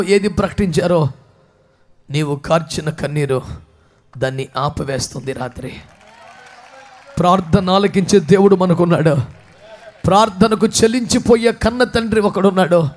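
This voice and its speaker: A male pastor preaching a sermon with passion, dropping to a hush and then rising to a shout, with many questions aimed at the congregation. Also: sits high, unhurried, long pauses. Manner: impassioned preaching, swinging from hushed to shouting.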